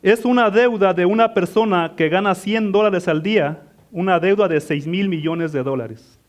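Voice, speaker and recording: Speaking at a normal pace in a high voice, a man preaches as pastor, asking his congregation questions and then answering them. He often addresses listeners as beloved, saying "mis amados."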